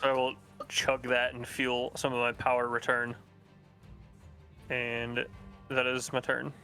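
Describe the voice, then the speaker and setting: Bright-voiced man playing a tabletop game. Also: mid-range voice, completely flat delivery, slow, soft background music. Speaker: player.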